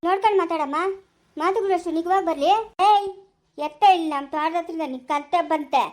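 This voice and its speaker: A woman playing a sharp-tongued, quarrelsome middle-aged village mother in a family drama, scolding and hurling insults. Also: extremely high pitch, fairly quick. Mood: angry scolding.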